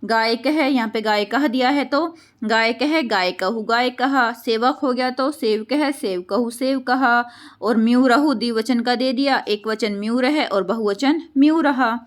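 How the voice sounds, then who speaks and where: A woman's voice: a little high, unhurried. A woman teacher patiently going through a school worksheet, repeating word forms and talking to her pupils as children.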